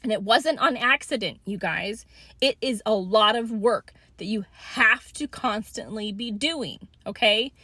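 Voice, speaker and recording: A woman's voice: fairly high pitch, a little slow, bright, forceful tone, no echo. A middle-aged woman in a blunt, swearing tough-love rant to her viewers, often asking "okay?" between points. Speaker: vlogger. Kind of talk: ranting monologue to camera.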